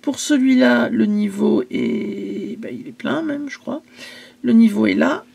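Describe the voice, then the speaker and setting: A woman's voice: on the high side, measured pace, creaky, a little mellow. A woman casually selling her craft supplies in a vlog, chatty and hesitant, stumbling over English product names.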